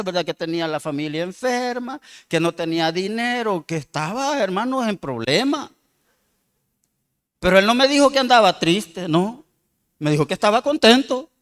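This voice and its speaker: A man preaching a sermon, reading scripture slowly and loudly and calling the congregation "hermanos" again and again. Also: high-pitched. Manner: addresses the congregation with frequent "hermano" and "amados hermanos". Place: church.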